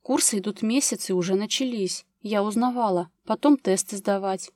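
A woman reading the part of an anxious, overworked young woman who talks in a tense, agitated way and flares up easily, pitched above her narrating voice, in a dry recording of an audiobook. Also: moderate pace, darkish tone, no echo, natural voice.

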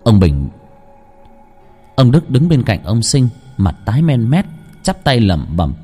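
A man narrating a ghost story in a dramatic, lively storytelling manner. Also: mid-range voice, slow, husky, soft background music.

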